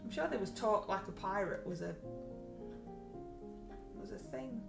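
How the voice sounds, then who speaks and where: A woman's voice: medium pitch, a little slow, creaky. A woman co-hosting a live stream in casual chat, teasing and chatty. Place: home streaming room. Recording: roomy, distant from the mic, music behind.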